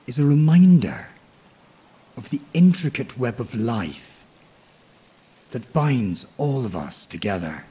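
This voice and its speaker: A man with a husky, breathy voice narrating a bedtime story like a nature documentary, tranquil and measured, with frequent pauses. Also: mid-range voice, warm tone. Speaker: host of a sleep story podcast.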